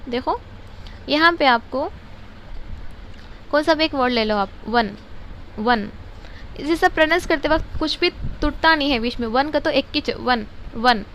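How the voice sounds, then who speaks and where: High-voiced woman teaching grammar. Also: fairly bright tone, a little hiss or hum, low-quality recording. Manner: slow, drawn-out pronunciation of English example words; repeats words several times to drill them. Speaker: English teacher. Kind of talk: explaining grammar to schoolchildren.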